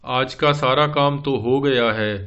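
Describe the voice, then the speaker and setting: A man's voice: mid-range voice, steady tone, measured pace, sharp tone, smooth, dull audio. A man voicing a village father who blusters and scolds but is easily scared. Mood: tired content.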